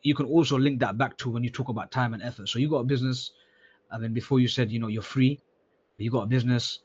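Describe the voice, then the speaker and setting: Reviewing a student's sales call, this mentor coaches casually, calling the student "akhi" and frequently repeating himself. He talks quickly in a steady, medium-pitched voice that's darkish with a breathy edge, on a slightly dull lo-fi recording.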